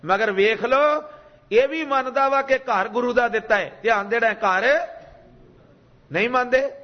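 A man's voice: extremely high pitch, a little slow, big-room sound, muffled recording. A man with a Punjabi accent giving a Sikh sermon, chanting scripture and calling on the congregation to repeat lines after him. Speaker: Sikh preacher giving katha.

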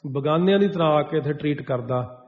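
Man chanting and preaching in a reverberant hall. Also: fairly high pitch. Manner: chants verses slowly then explains them. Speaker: Sikh preacher. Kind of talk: scripture exposition sermon. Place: large hall before a congregation. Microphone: stage microphone. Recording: dull sound with long hall reverb.

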